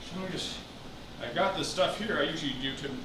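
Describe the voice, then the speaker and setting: Man acting as vain pretty boy, high voice, drawn-out boastful comedy delivery, very echoey noisy live room. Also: far from the mic, natural voice. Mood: gloating. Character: vain preening self-declared prettiest boy in the world. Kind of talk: absurd live character comedy with crowd work.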